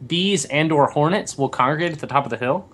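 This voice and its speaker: A man's voice: a little high, brisk, fairly bright tone. A young man co-hosting a casual chat, talking in a rambling way with lots of fillers and restarts. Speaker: podcast co-host.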